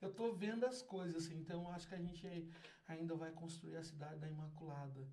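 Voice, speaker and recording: A community founder from Brazil appears as a podcast guest, his Brazilian Portuguese accent coloring energetic, laugh-filled storytelling in which he loudly acts out voices. He talks fairly quickly, his voice a little high with fairly even intonation.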